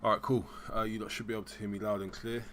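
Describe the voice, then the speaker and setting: Deep-voiced man hosting a livestream. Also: flat delivery, racing, slight background noise. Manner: rambling, hesitant, full of shout-outs and slang. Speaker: livestream host. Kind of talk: casual live-stream chat.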